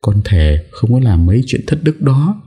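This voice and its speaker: A man's voice: mid-range voice, very animated, moderate pace, dark tone, breathy edge, voice pushed up. A man voicing a distraught young wife who pleads tearfully that she has been framed. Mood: pleading tearfully. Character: young woman, anxious and wronged, pleading.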